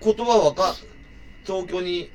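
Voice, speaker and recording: A man from Tsuruga in Fukui, the show's personality, chatting in a chummy, rambling way and laughing loudly. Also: high voice, fairly even intonation, takes it slowly, a crowd in the background. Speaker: radio show personality. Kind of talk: casual radio chat.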